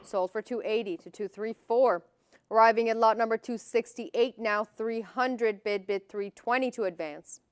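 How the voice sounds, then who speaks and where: A woman's voice: fairly high pitch, moderate pace, clean tone. A woman working as an auctioneer, calling lots and bids in a formal, clipped, repetitive manner.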